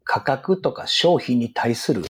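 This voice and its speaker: A middle-aged man with a husky, rough voice explains business strategy in an interview in an earnest, emphatic way. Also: medium pitch, expressive, measured pace. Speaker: retail business guest expert.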